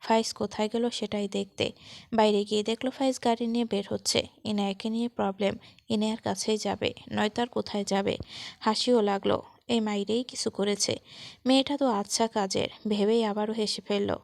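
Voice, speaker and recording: A woman storyteller reading a romance story aloud in a steady, even manner. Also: medium pitch, a little fast, creaky, dry recording, clean studio sound. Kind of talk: scripted narration of a romance story.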